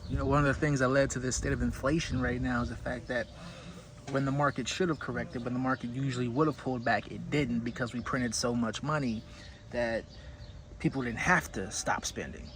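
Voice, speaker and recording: Male host, mid-pitched voice, informal opinionated commentary, thinking aloud, clearly noisy recording. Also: steady tone, fairly quick, fairly bright tone. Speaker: whiskey review host. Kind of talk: casual solo commentary.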